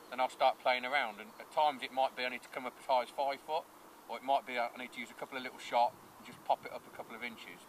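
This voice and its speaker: A man in his thirties, an angling coach, explaining his rig and bait step by step in a relaxed, practical way, recorded outdoors by a lake. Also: medium pitch, a little hiss or hum. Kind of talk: instructional fishing talk. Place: outdoors at a lakeside fishery.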